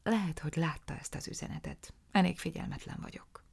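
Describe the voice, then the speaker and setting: Egy nő, aki egy bajba került, halkan, suttogva gyónó feleséget szólaltat meg egy hangoskönyvben. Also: female voice, deep voice, gravelly, slightly rough, in a whisper, full character voice. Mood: anxious confession. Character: worried married woman confessing, hushed.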